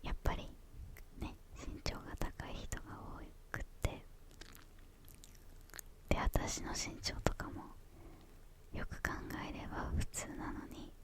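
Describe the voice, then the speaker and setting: A young woman whispers in a hushed, airy voice with no real voicing. She talks in ASMR style, answering questions in short phrases. Her delivery is tentative, with small pauses as she finds her words. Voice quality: hushed, breathy unvoiced whisper.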